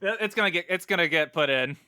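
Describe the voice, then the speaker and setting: A man's voice: sits high, fast, sharp tone, clear, resonant tone. A man playing in a tabletop game, joking and self-mocking in casual chat. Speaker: player.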